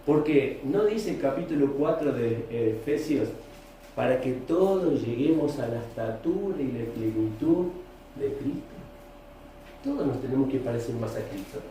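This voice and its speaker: A man's voice: medium pitch, animated, moderate pace, warm tone. A man with a Rioplatense Spanish accent preaching a sermon as pastor, questioning his congregation. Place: church hall. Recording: echoey room, distant mic, faint noise.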